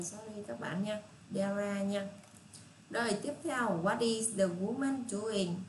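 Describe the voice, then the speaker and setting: A woman with a Southern Vietnamese accent teaching children English, patient and repetitive, reading English phrases out slowly. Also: mid-range voice. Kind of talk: casual spoken lesson for children. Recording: echoey room with faint hiss.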